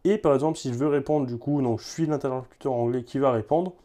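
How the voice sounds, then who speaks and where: A man's voice: mid-range voice, fast talker, warm tone. A man casually presenting and testing a gadget for viewers, talking loosely with many filler words and repeated words. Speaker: tech reviewer. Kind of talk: casual product demo.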